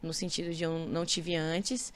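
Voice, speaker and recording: A young woman from Brazil, a singer, chatting as a guest in a relaxed podcast interview, animated and full of fillers. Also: lowish voice, normal speed. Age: young adult. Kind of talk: casual interview chat.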